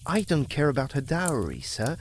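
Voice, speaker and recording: In an old-time radio drama, a man voices Walter Markham, a polite, earnest young farmer asking a father for his daughter's hand. His medium-pitched voice swings hugely in pitch at a moderate pace, and a little hiss or hum sits under the recording.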